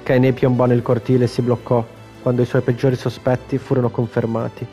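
A man with an Italian accent reading a video game's story aloud in a steady, unhurried way, with brief casual asides. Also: medium pitch, soft background music. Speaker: gamer reading game text.

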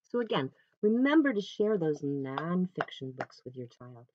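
A woman's voice: low voice, very animated, moderate pace, a little mellow. A woman librarian leading a family storytime, speaking in a friendly, encouraging way to parents and children. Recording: dull lo-fi sound, dry.

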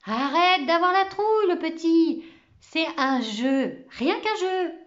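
A woman voicing a lively cheeky schoolboy who talks quickly and excitedly. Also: very high voice, dull audio, pitched above the performer's own voice, exaggerated voice.

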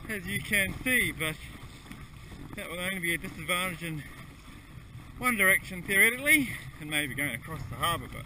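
A man kayaking on a windy harbour, talking to himself in a relaxed, matter-of-fact way as he films the trip on an action camera mounted on the kayak. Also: sits high, moderate pace. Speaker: kayaker filming his own trip. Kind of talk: casual running commentary. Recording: wind-battered action camera audio from a distance. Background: wind and splashing water.

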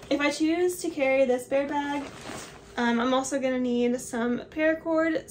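With a fairly high-pitched voice and slight background noise, a twenty-something hiking vlogger walks the camera through her hiking equipment in a small home office. She's chatty, explaining every item while holding it up.

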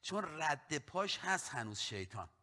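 A middle-aged male pastor delivering an impassioned sermon, slowing down to stress scripture and dropping to hushed tones for effect. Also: on the high side, very animated.

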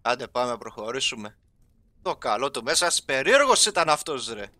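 A young man giving casual, excitable let's-play commentary as a gaming YouTuber, talking straight to his viewers. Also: medium pitch, no room sound. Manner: excitable, talks to viewers, sprinkles English game terms.

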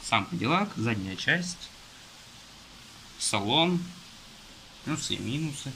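A young man casually reviewing a car magazine page by page, listing items in a halting way with fillers, filmed on a phone at a table indoors while rain falls outside. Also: mid-range voice, sing-song, bright, forceful tone, slight background noise, poor audio. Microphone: phone camera filming from above.

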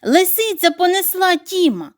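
A woman's voice: very high-pitched, big pitch swings, a little slow, voice pushed up, exaggerated voice. A woman voicing a brave, loyal young male dog who speaks urgently and eagerly.

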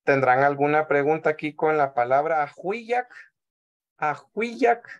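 This is a Salvadoran man giving an online language lesson on a video call. His voice sits a little on the high side. He is patient, says each word more than once, and keeps checking that his students follow. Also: expressive, muffled recording. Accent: Salvadoran Spanish. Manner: patient, repeats words slowly, often asks "¿verdad?". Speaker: Nahuat language teacher.

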